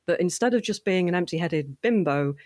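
A woman's voice: fairly low pitch, fairly quick, no echo. Chatty woman, dry close sound. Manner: chatty and animated, laughs often, many restarts. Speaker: podcast guest, fan voice actor and writer. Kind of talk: casual interview conversation.

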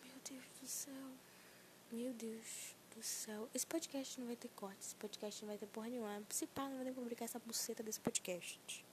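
A woman's voice: fairly high pitch, fairly even intonation, normal speed, background noise. A young woman of nineteen hosting a solo podcast, ranting in a self-mocking, profane and rambling way, anxious. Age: young adult. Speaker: podcast host.

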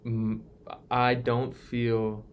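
A man's voice: mid-range voice, completely flat delivery, extremely slow, dull audio, a little hiss or hum. A young man in his early twenties talking in a casual podcast chat, earnest and reflective, often restarting his sentences. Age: 20s. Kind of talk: casual conversation.

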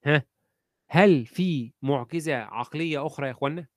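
A man's voice: a little high, brisk, dry recording, studio quality. A male teacher with an Egyptian accent, quizzing students in an online lesson and repeating key phrases. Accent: Egyptian Arabic.

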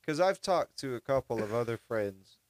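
A man in casual chat who speaks haltingly with many restarts and blunt remarks. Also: mid-range voice, animated, no room sound.

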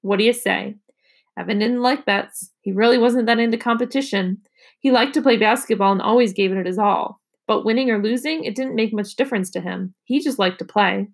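A woman, a teacher, reading a children's chapter book aloud with expressive narration. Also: fairly high pitch, brisk. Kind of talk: storybook read-aloud.

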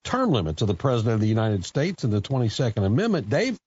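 A man's voice: medium pitch, sing-song, fast talker, darkish tone, husky, dry recording, dull audio. A man hosting a morning talk radio show, casual and upbeat.

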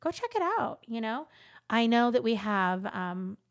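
Lively animated woman co-host chatting. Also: a little high, unhurried. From Los Angeles. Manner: animated, mimics accents, laughs often. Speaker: podcast co-host. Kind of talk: casual chat.

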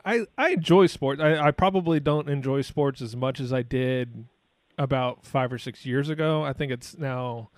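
A man's voice: mid-range voice, moderate pace, no echo. A man in his thirties hosting a podcast interview, who rambles and often stammers and repeats words. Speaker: podcast host. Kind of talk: casual interview chat.

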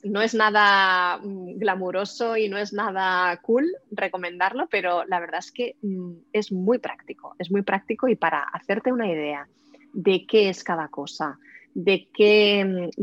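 A woman's voice: medium pitch, fairly even intonation, normal speed, a bit bright. A woman in her forties, an astrologer guest chatting in a podcast interview, hesitant, with many fillers and restarts. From Spain. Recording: muffled lo-fi audio.

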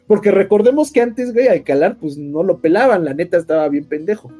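A man's voice: high-pitched, lively intonation, brisk, mellow, slightly rough, soft background music. A man with a Mexican accent casually retelling a story in slangy, sweary speech, acting out the characters' dialogue as he goes. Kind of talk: casual, animated story recap with acted-out dialogue.

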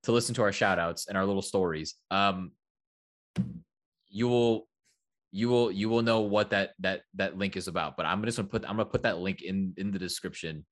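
A man's voice: deep voice, moderate pace. A young man co-hosting a podcast, telling a story in casual chat, rambling and repeating words as he goes. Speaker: podcast co-host.

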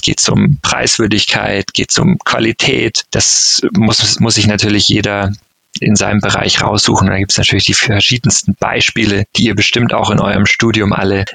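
Gravelly-voiced man, thoughtful interview guest. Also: lowish voice, fairly bright tone, dry recording. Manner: thoughtful, hesitant with fillers, mixes in English business terms. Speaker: marketing director interviewed as guest. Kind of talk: conversational interview answers.

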